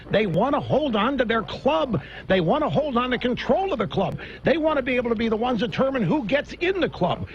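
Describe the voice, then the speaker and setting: Animated man on talk radio. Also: extremely high pitch. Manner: animated, mocking, mimics others in exaggerated voices. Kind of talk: political talk radio monologue. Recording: dull lo-fi radio broadcast.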